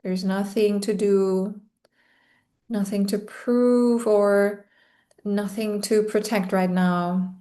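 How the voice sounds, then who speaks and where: Slow, mellow woman guiding a meditation. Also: mid-range voice, steady tone. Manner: slow, soothing, with long pauses. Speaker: meditation guide. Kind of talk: guided meditation.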